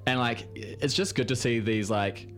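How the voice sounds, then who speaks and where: A New Zealand man, guest reviewer in a radio studio, chats enthusiastically with a mid-range, fairly bright voice at normal speed. Soft music plays in the background. His casual radio talk rambles, packed with "like" and other filler words.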